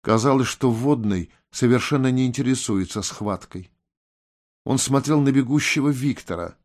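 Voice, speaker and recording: A man narrating a fantasy audiobook in a steady, dramatic reading. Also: mid-range voice, normal speed.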